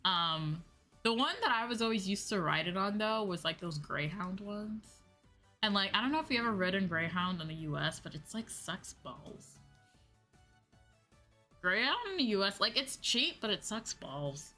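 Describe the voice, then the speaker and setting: A US-born VTuber streamer and host chats informally on her livestream, slangy and rambling, with background music underneath. Her medium-pitched voice has lively intonation, a moderate pace, and a bright, forceful tone.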